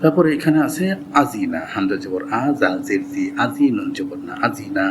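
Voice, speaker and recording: A lower-voiced man leads a slow lesson, chanting each letter and its vowel sound in an even drilling rhythm. He breaks off now and then to explain a point plainly before going back to the drills. A steady hiss of noise runs under the recording. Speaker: Arabic reading teacher.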